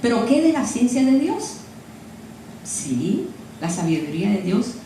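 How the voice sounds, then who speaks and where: A woman's voice: medium pitch, sing-song, measured pace, dark tone, slight background noise. An older woman preaching a sermon in a chatty, storytelling way, often tossing in "eh?" to her listeners. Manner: chatty storytelling, frequent "¿eh?" asides. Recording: echoey room picked up from a distance.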